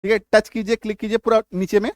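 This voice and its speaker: A man's voice: high voice, flat delivery, quick pace, no echo, clean studio sound. A middle-aged man teaching English spelling and pronunciation in Hindi, repeating rules and checking often that his students follow. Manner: repetitive, checks understanding often.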